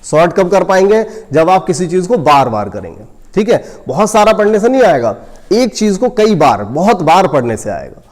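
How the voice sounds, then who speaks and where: A man teaches a math coaching class, working through sums aloud step by step and speaking straight to his students. His voice is high-pitched and very animated at a normal speed, and he gently scolds the class.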